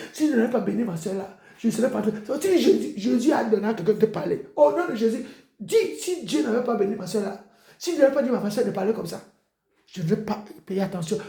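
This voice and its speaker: Emphatic preacher, echoey. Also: male voice, vocal fry, dark tone. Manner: emphatic, repetitive exhortation with sudden high outbursts. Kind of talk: exhortation sermon.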